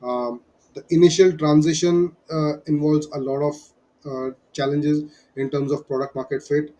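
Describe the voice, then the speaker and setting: A man's voice: fairly high pitch, steady tone, normal speed, mellow. A man with an Indian accent giving an explanatory lesson as a business advisor, emphatic and prone to repeating his key points. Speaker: business advisor teaching startup fundraising.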